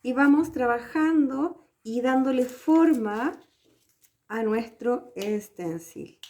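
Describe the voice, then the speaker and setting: This craft tutorial is led by a woman from Chile whose voice is slightly high and a little mellow, with a slow pace. Patiently and step by step, she walks viewers through the project, checking that they understand.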